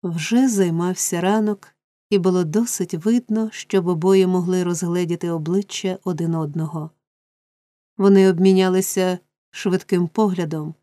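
A woman narrating a classic novel as an audiobook, in a measured, expressive storytelling manner. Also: on the low side, no room sound. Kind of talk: scripted narration.

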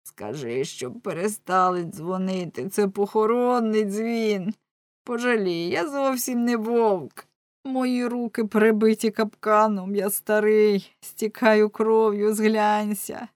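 A woman's voice: medium pitch, no room sound, studio quality, pitched above the performer's own voice, natural voice. Wailing old werewolf man, as a woman reads him. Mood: begging. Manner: slow, wailing pleading. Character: old male werewolf fishmonger, wounded and begging.

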